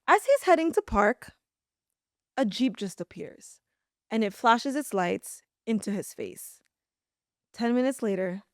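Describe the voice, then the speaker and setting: A young woman hosting a podcast, telling history in a lively, dramatic way. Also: mid-range voice, no echo, clean studio sound. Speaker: podcast host. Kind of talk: casual chat and storytelling.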